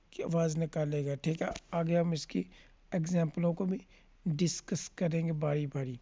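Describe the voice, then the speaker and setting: Flat-voiced teacher explaining letter sounds. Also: medium pitch, creaky, muffled recording. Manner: asks questions and answers them, often checks in with the listener. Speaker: English phonics teacher.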